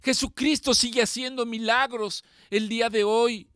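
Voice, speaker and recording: A man preaching a sermon, swinging between loud pleading and quiet, slow passages. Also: extremely high pitch, fairly even intonation, dry recording, studio quality.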